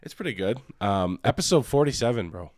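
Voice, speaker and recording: A man's voice: lowish voice, animated, a little fast, a little mellow, dry recording, clean studio sound. A man hosting a casual podcast chat, with a stuffy nasal cold and a rambling, filler-heavy way of talking. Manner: rambling, many likes and ums, laughs often. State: has a cold, nasal and deeper than normal. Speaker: podcast co-host.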